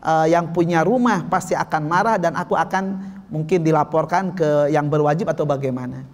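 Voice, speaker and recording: A man's voice: on the high side, a little fast, natural voice. A man voicing a frightened, bewildered male thief inside a sermon story. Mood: fearful. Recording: long hall reverb.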